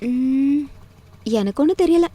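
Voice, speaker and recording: A woman's voice: sits high, lively intonation, unhurried, dark tone. An actress playing a young woman who chats lightly and dodges questions, in a drama with music underneath. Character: young woman Renu, sneaking out. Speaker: lead actress. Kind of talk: web series acting.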